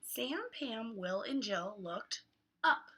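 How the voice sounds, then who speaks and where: Amid heavy background noise, a woman with a somewhat high voice reads a picture book slowly to young children. She hosts the read-aloud with exaggerated animation, giving words dramatic emphasis.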